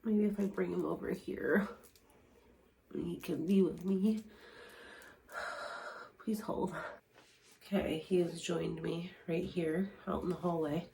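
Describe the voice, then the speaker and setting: A tired young woman, a new mother with a cold, talking candidly and softly in a casual home vlog. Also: fairly low pitch, fairly even intonation, slow, creaky, long pauses, a little hiss or hum. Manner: tired, candid, soft-spoken. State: stuffy from a cold. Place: home, indoors.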